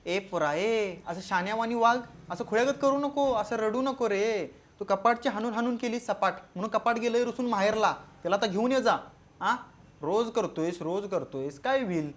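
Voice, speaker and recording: A man's voice: extremely high pitch, a little fast. A man with a Marathi accent delivering a crude, scolding comedy roast commentary.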